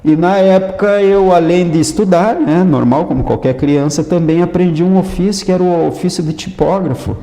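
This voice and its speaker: A man, a retired police chief reminiscing in an unhurried, reflective way as an interview guest. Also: high voice, mellow. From Porto Alegre, Brazil. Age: 50s. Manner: unhurried, reflective, with many restarts and tag questions. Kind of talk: casual interview talk. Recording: echoey room with long reverb.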